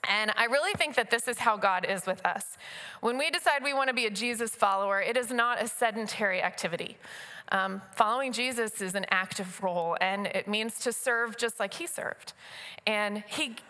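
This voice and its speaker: A woman's voice: mid-range voice, moderate pace, pushed and bright. A woman speaking informally and chattily to a church congregation, giving a personal testimony and appeal. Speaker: church volunteer team speaker. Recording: reverberant large hall.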